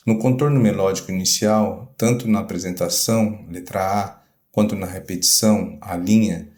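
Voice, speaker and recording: A man narrating a scripted music theory lecture in a measured, deliberate academic way. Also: fairly low pitch, mellow. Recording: roomy echo. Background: guitar music.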